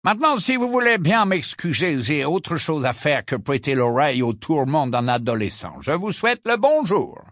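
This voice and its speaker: A man voicing a haughty old male wizard portrait in an audiobook, with a slow, sarcastic, mocking drawl. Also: a little high, big pitch swings, a bit bright, dry recording, studio quality, pitched above the performer's own voice. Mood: dismissive. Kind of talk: audiobook character voice.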